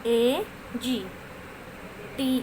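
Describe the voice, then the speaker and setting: A woman teacher, slowly sounding out letters and short words in a phonics lesson for children. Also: high-pitched, a little mellow. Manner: slow, sounding out letters one by one. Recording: noisy home recording.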